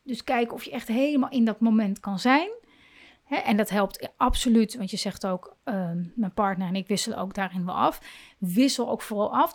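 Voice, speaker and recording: A woman hosting a parenting podcast, talking in a gentle, coaching way and often rephrasing herself mid-sentence. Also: fairly high pitch. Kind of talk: reflective solo podcast talk.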